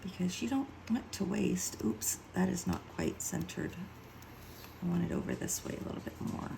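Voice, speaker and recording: A woman's voice: lowish voice, normal speed, creaky, noisy background. A woman giving a casual craft tutorial, chatty and self-mocking as she thinks aloud while working. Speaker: card-making demonstrator.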